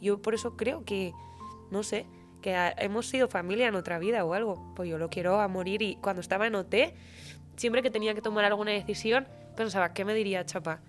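A woman guest in a casual podcast conversation, talking in an animated, heartfelt and slangy way. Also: medium pitch, fairly quick, faint music behind. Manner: animated, emotional, slangy, often says "tío".

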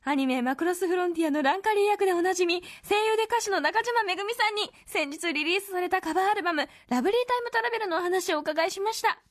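High, bubbly woman reading a radio recap. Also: very fast, few pauses. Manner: bubbly, gushing fan. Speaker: radio co-host. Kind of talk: scripted recap.

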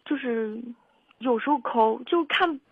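A woman's voice: on the high side, slightly rough, no echo, phone-quality sound. A woman caller on a radio advice show, talking hesitantly with frequent restarts. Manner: hesitant, halting, restarts often. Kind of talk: call-in advice conversation.

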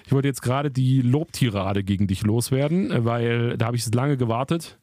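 A man's voice: medium pitch, normal speed, dark tone, no echo, clean studio sound. A man co-hosting a podcast, teasing his co-hosts in casual banter. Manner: teasing, mock-serious. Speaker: podcast co-host.

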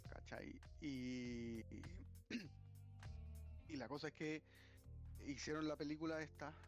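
Chilean male co-host, animated storyteller, heavy slang, faint music underneath. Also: on the high side, slow. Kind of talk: casual chat.

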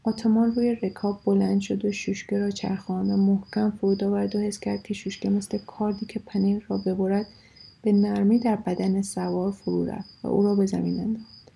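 A woman narrating a story in a measured, steady reading voice. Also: medium pitch, gravelly, husky, poor audio.

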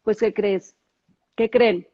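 This is personal testimony from a middle-aged woman guesting on a podcast; she's emotional and sincere, with lots of repeated words. Her mid-range voice is steady and slow, captured in a muffled recording without room sound.

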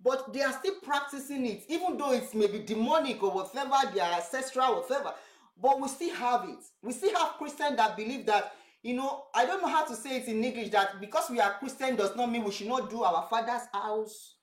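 A woman's voice: fairly high pitch, brisk, roomy sound, low-quality recording. A Nigerian woman with a Yoruba accent, co-hosting a church talk show, earnest and searching for her words. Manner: earnest, repeats words while searching for phrasing. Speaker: co-host, pastor's wife.

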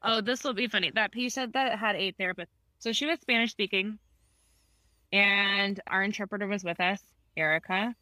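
A woman therapist telling a story in a casual conversation, animated, laughing often and acting out quotes. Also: medium pitch, normal speed, dry recording.

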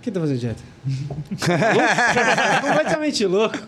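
A man hosts a relaxed podcast and chats casually with his guest. His voice is on the high side for a man. He laughs easily and throws in short slangy reactions. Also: breathy edge. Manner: laughs often, reacts with quick slangy interjections. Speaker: podcast host.

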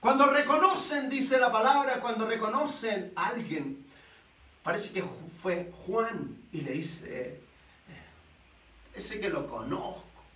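A man preaching a sermon, telling the story in an animated way and asking rhetorical questions. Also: sits high, slow pace. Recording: echoey room, voice from a distance.

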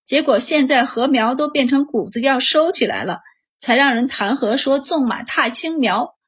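A woman voicing a grieving, furious middle-aged noble mother who scolds loudly in a storybook reading. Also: high voice, normal speed, breathy edge, full character voice. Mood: angry wailing. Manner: loud scolding, wailing.

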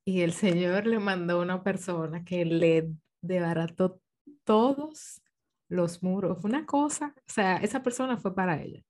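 A woman's voice: on the low side, a little slow, darkish tone. A woman guesting on a casual podcast, telling a story with lots of animation and frequent laughter.

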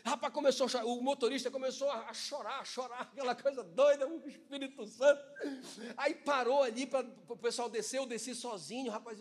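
High-voiced Brazilian man preaching, echoing. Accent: Brazilian Portuguese. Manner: animated storytelling, frequent fillers. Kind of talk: testimony sermon.

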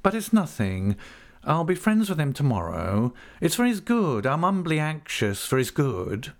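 A sly, oily young clerk, as a man reads him, croaking and wheedling in a hushed whisper. The voice rides higher than the reader's own and bends unctuously around each humble phrase. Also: huge pitch swings, a little slow, heavily acted.

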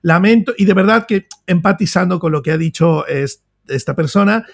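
A man from Mexico with a Mexican Spanish accent softened by years in Spain, chatting playfully as co-host. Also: high-pitched, normal speed, creaky, dry recording, studio quality. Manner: animated, playful, mimics accents. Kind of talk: casual chat.

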